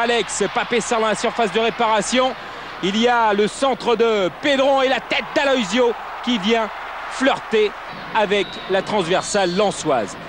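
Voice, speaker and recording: Over clear crowd noise, a man delivers excited sports commentary on a football match. His voice is extremely high for a man, dramatic and emphatic as he calls the play. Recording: loud stadium crowd noise behind voice. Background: football stadium crowd.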